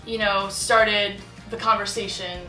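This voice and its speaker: Speaking at a measured pace with fairly even intonation, a young woman gives a casual interview in a bright, forceful mid-range voice, full of likes, ums, and easy laughter. The room is echoey, and faint music plays beneath her.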